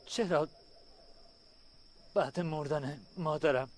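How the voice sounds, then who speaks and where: A man's voice: fairly high pitch, slight background noise, natural voice. An actor playing an earnest young man questioning his father, in a radio drama. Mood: worried.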